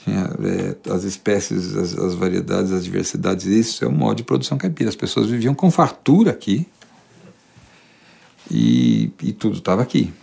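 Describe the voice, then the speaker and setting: In a reflective conversational monologue, a singer-songwriter from inland São Paulo state talks thoughtfully as an interviewee, often restarting and repeating words. His gravelly voice sits low with a darkish tone, lively intonation and normal speed.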